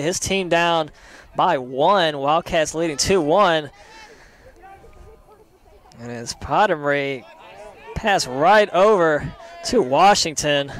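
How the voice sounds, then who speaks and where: A young man calling a live college soccer match play by play, steady between plays and rising sharply on chances. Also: fairly high pitch. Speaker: play-by-play commentator.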